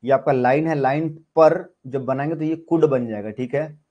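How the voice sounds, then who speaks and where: Husky Indian man teaching a class. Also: mid-range voice, normal speed, dark tone, muffled recording. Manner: explains step by step, often asks and answers his own questions. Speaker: shorthand teacher. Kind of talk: online class lecture in Hindi-English mix.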